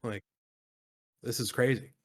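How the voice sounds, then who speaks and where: A man with an average-pitched voice co-hosts a card game stream. He switches between reading cards aloud and casual chat, keeping it enthusiastic and full of informal slang. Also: fairly even intonation, measured pace.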